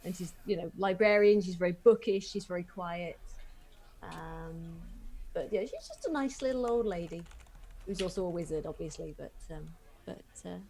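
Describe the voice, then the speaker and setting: A woman's voice: fairly low pitch, moderate pace, darkish tone. A woman player chatting about her tabletop game character, giggly and chatty, over online voice chat.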